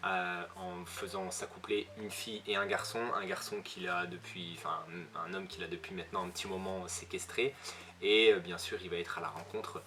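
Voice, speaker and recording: Chatty man with a bright voice. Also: sits low, slight background noise. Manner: chatty, with frequent hesitations and self-corrections. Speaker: manga reviewer. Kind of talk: casual spoken review.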